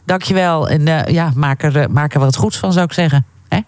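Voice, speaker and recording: A male radio host leading an interview with an enthusiastic, lively manner. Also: fairly high pitch, brisk, smooth.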